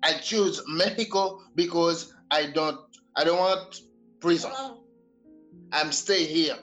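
A man from Haiti with a Haitian accent, speaking in a recorded interview in short, halting phrases. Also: fairly high pitch, fairly bright tone, faint music behind, rough recording.

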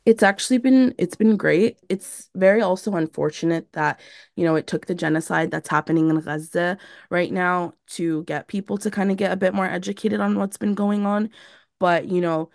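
A woman's voice: on the low side, moderate pace, creaky, darkish tone, no room sound, studio quality. A young woman from San Diego, an activist guest in a radio interview, talking earnestly with many fillers. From San Diego, USA. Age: young adult. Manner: earnest, frequent "you know" and "like". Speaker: youth organizer guest.

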